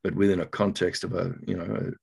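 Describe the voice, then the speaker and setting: A man's voice: sits low, little pitch movement, fast, gravelly, a little mellow, slightly rough. A man with an Australian accent hosting a casual chat in a laid-back, loosely rambling way. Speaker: podcast host.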